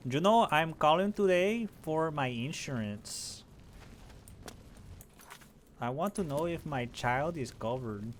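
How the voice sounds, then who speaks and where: A man voicing a woman caller with a thick accent, speaking slowly as if on a phone call. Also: a little high, animated, slight background noise, pitched above the performer's own voice. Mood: pleading.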